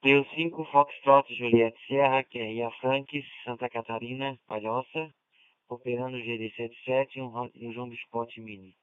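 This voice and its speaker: Flat, clear man over radio. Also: mid-range voice, moderate pace, no echo, narrow, tinny audio. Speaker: amateur radio operator. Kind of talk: radio check-in with spelled call sign. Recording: band-limited radio hotspot transmission.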